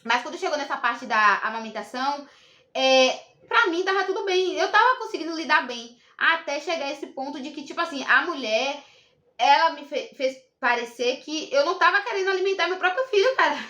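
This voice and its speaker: A woman's voice: sits high, expressive, brisk, sharp tone, roomy sound. A young Brazilian woman telling a personal story to camera in a casual, indignant and emphatic way. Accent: Brazilian Portuguese. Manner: indignant, emphatic, repeats herself. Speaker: vlogger.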